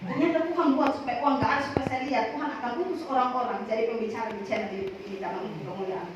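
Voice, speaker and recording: High-voiced woman preaching in an echoey hall. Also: very fast. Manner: animated, rising and falling emphasis. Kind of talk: sermon with personal testimony. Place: prayer house hall. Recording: echoey hall, from far off, noisy.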